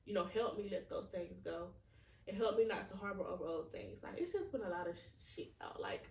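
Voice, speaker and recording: A woman's voice: mid-range voice, a little fast, darkish tone, far from the mic. A woman, hosting a podcast and talking through her feelings in a candid, rambling way, full of "like" fillers. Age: 20s. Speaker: podcast host. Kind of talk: reflective personal monologue. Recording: roomy echo, voice from off-mic.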